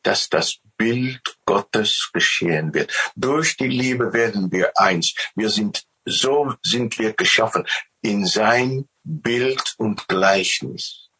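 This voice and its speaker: A male preacher giving a sermon in a very raspy, husky voice. He speaks slowly and with force, and his tone is tense and bright. He tells the story with emphasis and often repeats his words. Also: lowish voice, poor audio.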